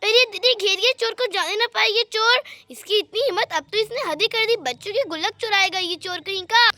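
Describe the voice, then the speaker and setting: A woman's voice: very high voice, brisk, sharp tone, dry recording. A woman voicing a bold adult woman in a doll story, scolding a thief indignantly. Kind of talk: doll story role-play.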